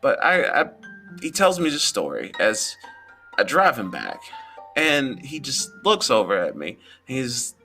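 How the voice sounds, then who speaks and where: Male podcast storyteller, lively delivery, bright tone, faint music bed. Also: medium pitch, unhurried, vocal fry. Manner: animated, acts out quotes.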